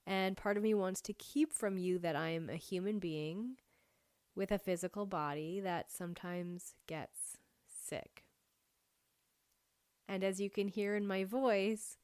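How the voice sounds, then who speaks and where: A woman opens her podcast with an upbeat, welcoming intro that is plainly read from a script. Her voice is lowish for a woman, and the sound is dry and close. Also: darkish tone, clear, resonant tone, dry recording. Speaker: podcast host.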